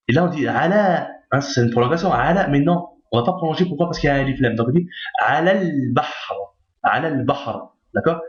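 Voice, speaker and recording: Guy teaching a reading lesson, patient, repeats stuff a lot, echoey room, muffled lo-fi mic. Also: medium pitch. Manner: patient, repeats each point and checks in with "d'accord?". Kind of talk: recorded lesson on reading Arabic. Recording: echoey, dull lo-fi recording.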